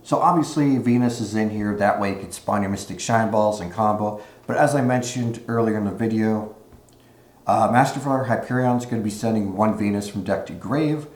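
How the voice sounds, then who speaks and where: Male YouTuber, lowish voice, relaxed explainer with "uh" fillers; low-quality echoey room audio. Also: a little fast. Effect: low-quality audio without his usual mic. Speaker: card game YouTuber. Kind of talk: casual deck walkthrough. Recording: echoey room on a makeshift mic.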